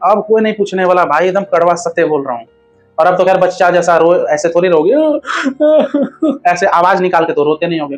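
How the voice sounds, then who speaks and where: A man hosting a relationship advice talk, speaking bluntly and crudely, scolding viewers like a brother. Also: sits high.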